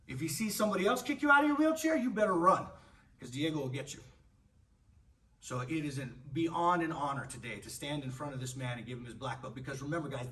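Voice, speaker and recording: Bright-voiced coach speaking from across the gym. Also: male voice, a little high. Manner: animated, emphatic, swears freely. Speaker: martial arts coach. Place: martial arts gym, indoors. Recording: distant voice with faint room noise.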